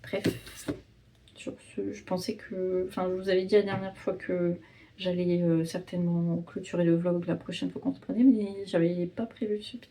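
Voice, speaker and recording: Woman book vlogger, casual and hesitant, warm low-key tone, slightly distant mic. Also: fairly even intonation, normal speed. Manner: hesitant, many fillers and restarts. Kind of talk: casual reading vlog.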